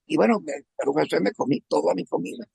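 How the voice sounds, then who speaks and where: Man, from Venezuela, gravelly husky voice, halting emotional testimony, repeats words. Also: a little high, darkish tone, no room sound. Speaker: testimony speaker. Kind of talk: personal testimony.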